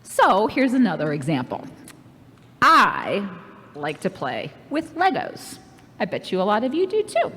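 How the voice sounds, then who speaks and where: Animated woman teaching kids, echoey hall. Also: mid-range voice, measured pace. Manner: animated and playful, speaking straight to kids. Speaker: children's program leader. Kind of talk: children's Bible-camp lesson. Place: church.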